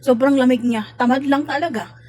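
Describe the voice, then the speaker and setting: Woman, casual vlog rant, complaining, husky, somewhat high-pitched. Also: brisk. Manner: exasperated, complaining, animated retelling. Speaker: domestic worker vlogger.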